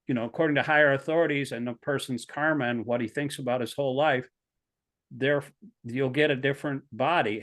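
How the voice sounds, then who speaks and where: A man's voice: medium pitch, fairly bright tone. A man in the middle of his register leads a scripture study class. He explains earnestly and at an easy pace, often stopping to restart a phrase. He keeps a plain conversational tone throughout. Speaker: class leader.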